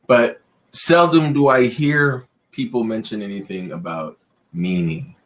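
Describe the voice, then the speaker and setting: The man, a podcast co-host, takes an unhurried pace on a casual late-night chat show, wandering from point to point and stretching his pitch up and down for emphasis.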